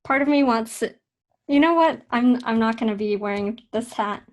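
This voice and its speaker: A young woman teaching a casual drawing lesson, talking in a relaxed, chatty way with fillers and self-corrections. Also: fairly high pitch, normal speed. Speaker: art instructor.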